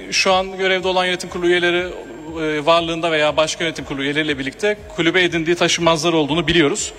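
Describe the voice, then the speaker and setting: A man speaking from a podium microphone in a large hall as he addresses a general assembly. He delivers a formal, measured speech with hesitating fillers. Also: fairly high pitch, a bit bright. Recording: long hall reverb, faint room noise.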